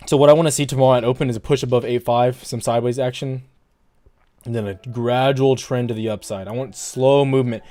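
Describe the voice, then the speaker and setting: This twenty-something man talks fast in a dark, medium-pitched voice with fairly even intonation. Hosting a stock trading livestream, he rambles in a relaxed way, says "like" constantly, and goes through viewer comments in casual chat.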